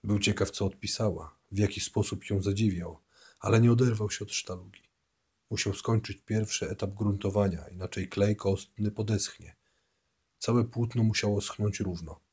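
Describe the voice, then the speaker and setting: Low, husky male audiobook narrator. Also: steady tone, normal speed, darkish tone.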